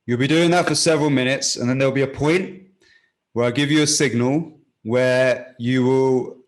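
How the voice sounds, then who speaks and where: A man teaching breathwork, giving calm step-by-step instructions and often checking in with the listener. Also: medium pitch, moderate pace.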